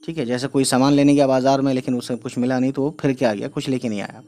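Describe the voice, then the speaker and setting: A man's voice: medium pitch, little pitch movement, quick pace, mellow. A man teaching how to write letters and words in a casual online lesson, chatting along as he writes, often repeating filler phrases to his viewers. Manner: chatty, repeats "you know" and "guys", explains while writing. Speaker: Urdu script teacher.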